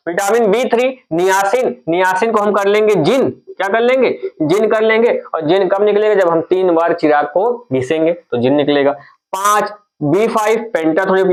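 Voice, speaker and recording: On a rough recording, a high-voiced man walks his viewers, whom he treats as friends, through memory tricks for general studies. He goes over points more than once and answers the questions he raises.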